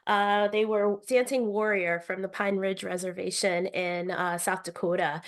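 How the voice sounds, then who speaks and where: A middle-aged American woman, a travel writer guest, telling stories in an animated way with frequent fillers. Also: medium pitch, measured pace. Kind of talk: casual interview chat.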